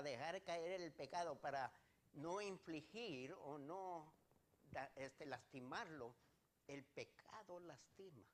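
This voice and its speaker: A male pastor preaching a sermon, firing rhetorical questions at his congregation and swinging between loud declarations and quiet asides. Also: a little high.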